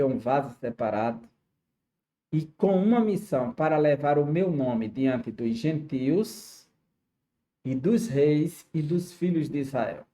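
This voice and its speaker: A man's voice: mid-range voice, mellow. A man with a Brazilian Portuguese accent teaching a Sunday school Bible lesson, explaining as he goes and often checking in with "né?". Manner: explanatory, with frequent "né?" and "tá certo?" checks.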